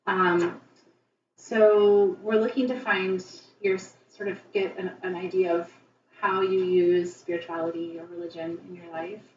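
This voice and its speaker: A woman's voice: lowish voice, little pitch movement, measured pace, a little hiss or hum. A woman interviewer asks friendly, encouraging questions. Her voice is heard re-recorded through a TV speaker. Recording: echoey, dull, distant TV re-recording.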